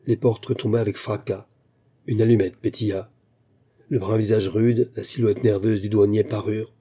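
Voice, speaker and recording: A man reading a short story aloud in a slow, measured narration. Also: fairly low pitch, steady tone, warm tone, husky. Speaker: audiobook narrator.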